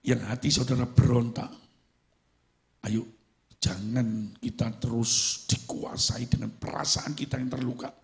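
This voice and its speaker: A man preaching a sermon as pastor, with an East Javanese Indonesian accent, animated and often breaking into high-pitched acted prayers. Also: a little slow, gravelly, pauses often.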